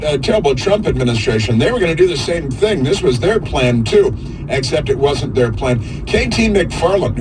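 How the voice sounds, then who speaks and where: A man hosting conservative political talk radio, delivering a halting, rambling monologue in a sarcastic, mocking manner. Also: mid-range voice, noisy background. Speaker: radio talk show host.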